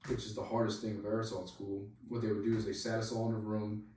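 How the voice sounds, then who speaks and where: A soldier telling a story on a podcast in a rambling, casual way, leaning on "like" and swearing freely. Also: male voice, lowish voice, level tone, quick pace, a little mellow, a little hiss or hum. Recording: very echoey room, voice far from mic.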